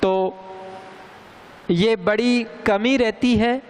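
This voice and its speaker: A man teaching a Hindi grammar lesson on correct pronunciation, speaking deliberately and repeating words to stress the right sound. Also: high voice, steady tone. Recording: long reverb, faint ambient noise.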